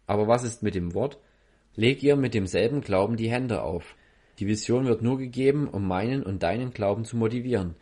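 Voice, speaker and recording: A man preaching at a healing service, earnestly questioning the person before him in short halting phrases. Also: lowish voice, warm tone. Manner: earnest, questioning the listener directly.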